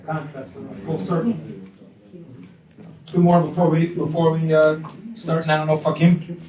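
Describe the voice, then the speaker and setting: A man's voice: a little high, monotone, moderate pace, warm tone. A man casually moderating a group discussion with short informal prompts. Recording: echoey, distant, with crowd chatter.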